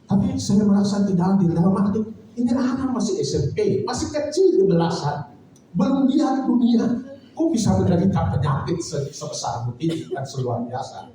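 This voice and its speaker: A man's voice: high voice, very animated, normal speed, warm tone, slight background noise. A male pastor telling a personal story in a sermon, earnest and reflective. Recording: very echoey hall, voice from far off.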